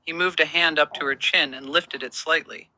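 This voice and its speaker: Very bright male story narrator. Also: on the high side, fairly even intonation, normal speed, no room sound, rough recording. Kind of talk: scripted narration of a romance story.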